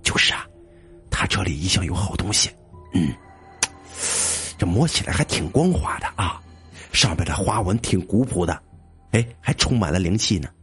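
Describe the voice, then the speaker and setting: A man's voice: low voice, expressive, moderate pace, pauses often, fairly bright tone, soft background music, pitched below the performer's own voice. A man voicing a male student who chats idly while looking over an antique. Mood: admiring. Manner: musing, appraising tone. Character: chatty male dorm student admiring an antique.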